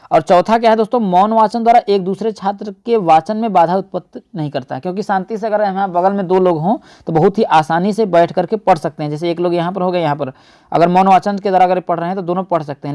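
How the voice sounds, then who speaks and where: A man's voice: sits high, darkish tone, clean tone. Hindi-speaking man teaching an exam-prep lesson. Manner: addresses viewers as friends, asks and answers own questions.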